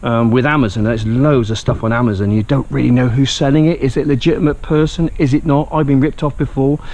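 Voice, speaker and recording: This outdoor vlog features a man from England talking casually and rambling on, making jokes at his own expense in a chatty manner. His medium-pitched, darkish voice keeps a steady tone at a quick pace.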